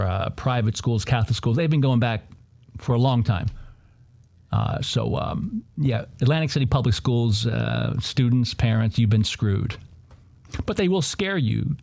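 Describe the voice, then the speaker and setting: A man's voice: medium pitch, gravelly, darkish tone. A man hosting a political commentary show, talking in a heated, sarcastic way with mocking asides.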